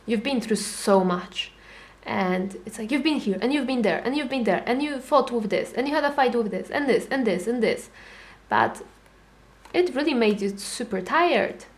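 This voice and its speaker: A young adult woman giving a casual tarot reading, chatty and animated, acting out little inner voices as she talks. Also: a little high, moderate pace. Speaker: tarot reader.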